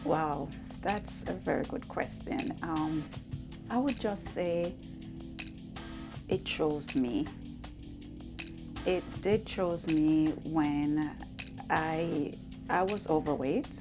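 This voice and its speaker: A middle-aged woman from Jamaica, giving measured, reflective answers in an interview about her wellness business. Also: deep voice, over music.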